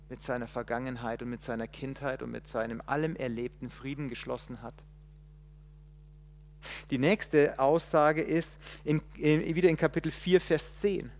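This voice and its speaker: A man preaching a sermon, shifting between loud emphatic quotations and quiet, reflective passages, with hesitations as he looks up verses. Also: mid-range voice, in a large hall, slight background noise. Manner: restarts and hesitates while looking up verses.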